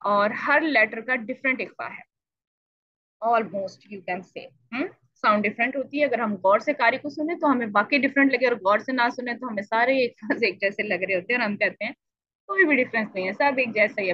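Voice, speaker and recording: A woman teaching Quran recitation in an online lesson, explaining patiently and repeating syllables to demonstrate, clearing her throat now and then. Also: fairly high pitch, no echo. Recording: dull lo-fi dry audio.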